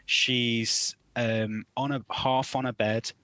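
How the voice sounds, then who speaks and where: English guy in his 30s on a podcast, tells stories all animated, plain mid voice, dry close mic. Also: mid-range voice, takes it slowly, no echo. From England. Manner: animated storyteller, acts out quoted lines loudly. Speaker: podcast co-host, new father. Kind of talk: casual chat, storytelling.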